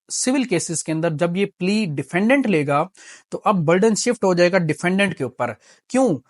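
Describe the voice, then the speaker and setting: A man with a Pakistani accent delivers an explanatory lecture on law, weaving in English terms and teaching through examples and repeated key points. His voice is fairly high, captured dry with clean studio sound.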